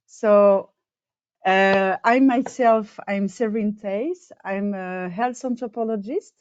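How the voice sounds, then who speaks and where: A woman's voice: mid-range voice, slow pace, a little mellow, clean tone, no echo. A woman hosting an online meeting, hesitant with many fillers. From Belgium. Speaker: meeting host, co-chair. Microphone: video call. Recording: dull, dry video call audio.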